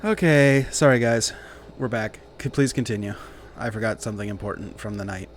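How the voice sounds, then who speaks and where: A man's voice: fairly low pitch, steady tone, brisk. A man chatting casually as he runs a tabletop game session. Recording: faint background noise.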